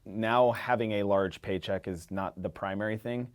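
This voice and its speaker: Easygoing low-voiced man telling stories. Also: moderate pace. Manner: animated, rambling storyteller who swears casually. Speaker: podcast guest, chiropractor. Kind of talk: casual conversation.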